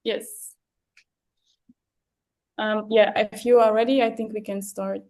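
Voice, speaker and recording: A woman's voice: medium pitch, level tone, slow pace, darkish tone, dry recording. A woman from Belgium briefly introducing herself and organizing a group call. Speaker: intern, group spokesperson.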